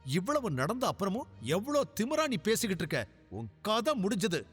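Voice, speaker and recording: A man's voice: sits high, huge pitch swings, moderate pace, husky, long reverb tail, soft background music, heavily acted. A man voicing an indignant young man who blames others and threatens. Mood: angry. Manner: accusing, indignant. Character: young man, blustering, blaming, then groveling.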